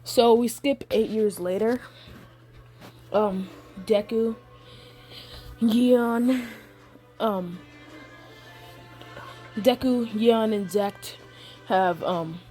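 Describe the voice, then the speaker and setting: A woman's voice: fairly high pitch, extremely slow, long pauses, dark tone, faint music behind. A woman casually telling a made-up fan story, giggling often and rambling with fillers.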